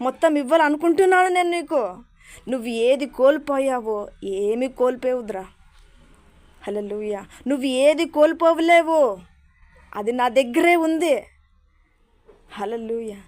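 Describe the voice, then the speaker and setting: God speaks as a tender, comforting father, put on by a woman preacher. The voice sits high and soothes the listener with gentle pleading questions and pet names, with fervent hallelujahs between the lines. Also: moderate pace, pauses often, close to an everyday voice. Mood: consoling.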